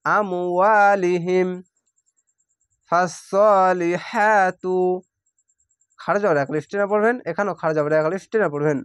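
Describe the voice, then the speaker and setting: Guy teaching quran reading, quick rules then slow stretched-out words, dry close sound. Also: fairly high pitch, no room sound. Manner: explains rules briskly, then recites words very slowly and drawn out. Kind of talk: spelling-out Quran reading lesson.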